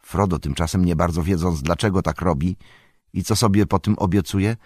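A man reading a fantasy story aloud in an expressive, dramatic narration. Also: low-pitched, normal speed, slightly rough, no room sound. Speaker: audiobook narrator.

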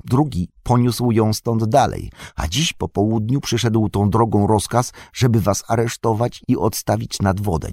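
A man narrating an audiobook in a steady, expressive storytelling manner. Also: lowish voice, vocal fry, husky, no echo, studio quality. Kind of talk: scripted narration.

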